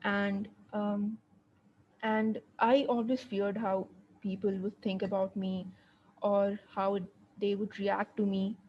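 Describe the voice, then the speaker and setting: A young woman, a guest sharing her story, gives a personal testimonial in a mid-range voice with little pitch movement and a slow pace. She hesitates often, repeating words and using lots of fillers. The recording has its highs cut off and slight background noise.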